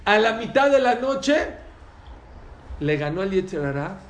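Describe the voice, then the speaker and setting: A man's voice: high voice, big pitch swings, a little slow, echoey room. A man teaching a religious lesson to a live audience, telling stories animatedly and questioning his listeners.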